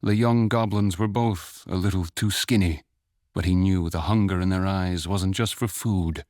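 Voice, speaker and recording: A man narrating a fantasy short story in a measured, even storytelling manner. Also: low-pitched, dry recording, clean studio sound, natural voice. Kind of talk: scripted audiobook narration.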